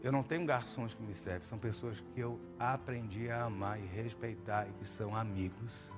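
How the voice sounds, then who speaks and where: Speaking at a moderate pace with a lowish, fairly even voice, a man delivers a sermon in church. He addresses listeners directly and emphatically as "my dear," with music playing behind him in a reverberant hall.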